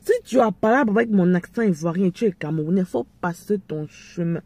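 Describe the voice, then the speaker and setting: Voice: mid-range voice, a little fast, darkish tone, dry recording. A speaker with an Ivorian French accent giving preachy, confrontational commentary straight to the viewers. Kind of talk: direct-to-camera commentary.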